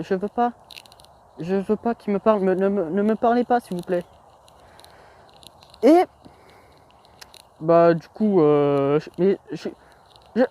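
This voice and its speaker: A man's voice: sits high, dark tone. A young man telling anecdotes in a rambling, slangy, self-mocking vlog, full of hesitations. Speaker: vlogger. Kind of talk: casual storytelling vlog.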